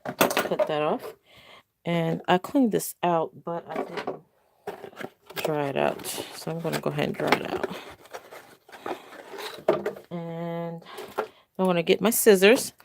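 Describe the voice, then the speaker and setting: A woman's voice: fairly low pitch, slow pace, gravelly, pauses often, heavy background noise. An older woman hosting a casual crafting livestream from home, chatting in a rambling, self-correcting way. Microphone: phone camera.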